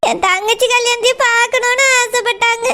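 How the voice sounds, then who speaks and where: A woman doing a shrill, bossy cartoon housewife. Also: steady tone, a little fast, sharp tone, full character voice. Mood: tearful. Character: fierce middle-aged woman, sharp-tongued daughter-in-law. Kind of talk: cartoon voice acting.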